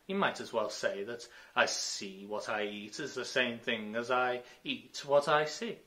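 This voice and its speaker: A man's voice: medium pitch, measured pace, sharp tone. A man reading a snappish mad hatter. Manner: snappish and contemptuous. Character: rude eccentric male hatter at a tea party. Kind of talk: storybook reading.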